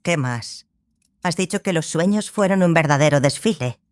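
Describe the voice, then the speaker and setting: In an audiobook drama, a woman plays a learned, exacting small sorceress who mentors a student. Her deep voice has lively intonation, and she speaks in a measured, matter-of-fact way with a composed, probing mood.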